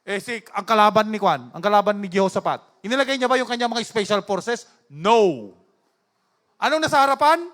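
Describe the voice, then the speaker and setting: A man's voice: high voice, animated, fairly quick, fairly bright tone. A male pastor, preaching a sermon that mixes storytelling with calls out to the congregation.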